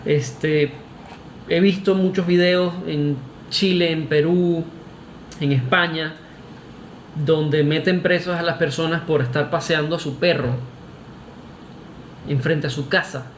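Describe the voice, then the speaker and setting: A Venezuelan vlogger argues his opinion straight to camera, his voice a little high and his tone steady as he moves slowly with long pauses. He speaks with a Venezuelan Spanish accent, emphatic and combative, leaning on the filler "este" and restarting sentences. The room echoes and there's slight background noise.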